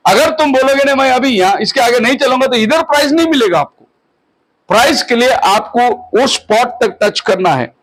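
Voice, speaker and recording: A high-pitched man in his fifties gives a sermon at a house prayer meeting. He exhorts his listeners steadily and stretches out the English phrases he slips in. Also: animated, a bit bright, low-quality recording. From India. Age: 50s. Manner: exhorting, mixes English phrases and slows on them. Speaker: pastor.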